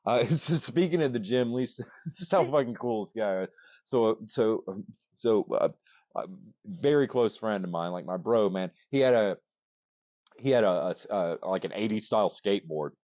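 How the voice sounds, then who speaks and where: A man co-hosting a casual podcast, rambling excitedly with many restarts and casual swearing. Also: lowish voice, normal speed, no room sound, dull audio. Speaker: podcast co-host. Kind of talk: casual chat.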